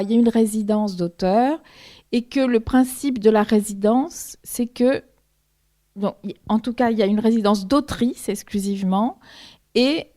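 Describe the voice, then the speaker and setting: A woman's voice: a little high, mellow. Woman author from Argentina, native Spanish speaker, hesitant bookshop-talk answers, full of restarts. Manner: hesitant, many repeated words and restarts.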